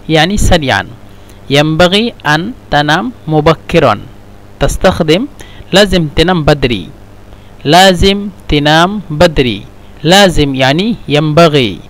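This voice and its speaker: Male teacher, fairly high voice, relaxed lesson delivery, repeats each example slowly, hesitant fillers between points. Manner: explains slowly, repeats each example phrase, mixes in English glosses; hesitant, with many fillers and restarts. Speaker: Arabic teacher. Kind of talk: casual language lesson.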